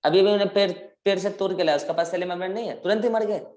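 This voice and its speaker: A man's voice: sits high, racing, a little mellow. A man teaching a biology class, quizzing his students and drawing out key words for emphasis. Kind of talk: live interactive class lecture. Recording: roomy echoing classroom.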